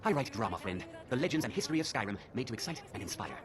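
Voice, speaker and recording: Actor as a pompous, rapid-talking playwright. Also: male voice, medium pitch, sing-song, close to an everyday voice. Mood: lofty. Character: self-regarding Nord writer of dramas. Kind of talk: video game character dialogue. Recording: sped-up game audio in tavern chatter.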